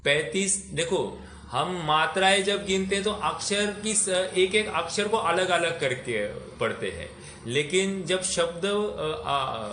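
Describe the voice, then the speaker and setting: Slow-talking teacher in an echoey room. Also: male voice, high voice, bright, forceful tone, a little hiss or hum. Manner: slow and explanatory, asks listeners questions; mixes English words into his speech. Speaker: religious teacher. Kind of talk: scripture class.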